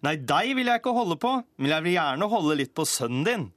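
A man's voice: on the high side, big pitch swings, fairly bright tone, dry recording, studio quality. A man playing a cheeky young fairy-tale hero. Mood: bold. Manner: cheeky, bold retorts.

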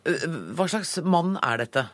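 A male news anchor leading a studio interview, brisk but light and self-deprecating. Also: fairly high pitch, lively intonation, fairly bright tone. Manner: light, joking about not understanding.

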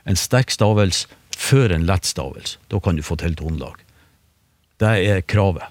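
A man explaining word sounds in a relaxed radio conversation, with frequent fillers and restarts. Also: sits low, no echo. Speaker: phonetics expert. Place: radio studio.

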